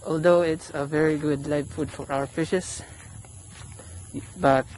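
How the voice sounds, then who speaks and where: A young man talking casually to his vlog audience through a face mask, slightly muffled. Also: a little high. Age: young adult. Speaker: vlog host. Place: outdoors in a grassy palm grove. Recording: clear outdoor background noise.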